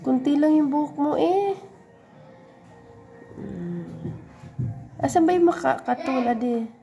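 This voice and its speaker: Woman vlogger, slow unhurried talk, soft mellow tone, cooing baby talk, faint music behind. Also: high voice, animated, gravelly. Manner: coos and baby-talks to a small dog. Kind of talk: casual vlog chat.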